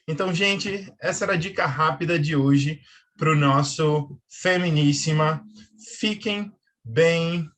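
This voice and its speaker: A man giving a quick English pronunciation tip on a TV show, upbeat and encouraging, repeating each word slowly for viewers. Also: fairly high pitch, a bit bright. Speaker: English teacher. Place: TV studio.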